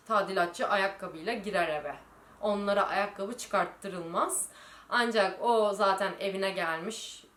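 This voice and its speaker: A woman's voice: medium pitch, fairly bright tone, roomy sound. Chatty young Turkish woman vlogger. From Turkey. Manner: chatty, storytelling, reads out viewer questions. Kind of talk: casual Q&A vlog.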